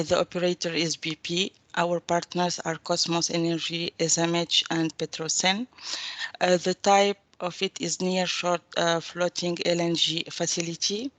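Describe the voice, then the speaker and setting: Female procurement coordinator, flat steady delivery, dry sound, filler words. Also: fairly low pitch, dry recording. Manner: steady, fillers between phrases. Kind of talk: presenting a webinar.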